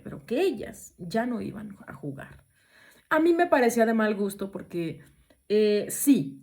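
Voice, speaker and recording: A woman's voice: mid-range voice, dark tone. A woman tells a story in the first person. She talks conversationally, often repeating her phrases and checking in with her listeners as she goes.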